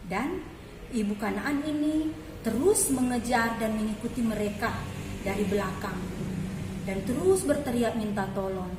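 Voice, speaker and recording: Brief: high-pitched woman telling a children's Bible story, slow and expressive, roomy echo. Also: noisy background. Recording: echoey hall, faint ambience.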